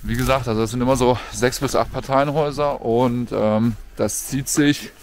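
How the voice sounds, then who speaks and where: Walking mostly outdoors through an abandoned housing estate, a male vlogger gives an informal, colloquial running commentary. His voice sits at medium pitch, steady in tone and normal in speed.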